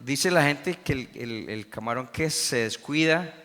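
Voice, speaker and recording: A man's voice: medium pitch, expressive, measured pace, fairly bright tone, long reverb tail. A man, preaching a Sunday school sermon emphatically and calling out "amén" to the congregation. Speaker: pastor.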